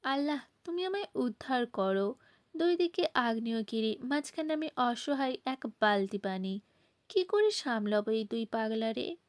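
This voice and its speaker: A woman's voice: a little high, lively intonation, unhurried. A woman voicing a harried young man who pleads with his angry younger sister in an audiobook. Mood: exasperated. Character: young man, harried older brother caught between two angry siblings.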